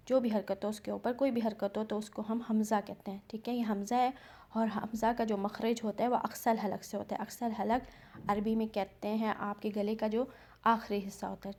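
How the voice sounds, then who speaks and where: A woman teaching Quran recitation, patiently explaining each rule and stretching out example words slowly. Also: medium pitch, darkish tone. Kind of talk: step-by-step recitation lesson.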